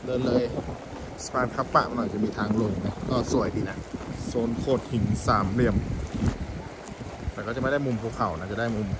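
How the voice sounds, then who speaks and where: The travel vlogger here chats casually by a mountain river, thinking out loud as he walks and tries food. His mid-range voice moves at a moderate pace with fairly even intonation against heavy outdoor noise.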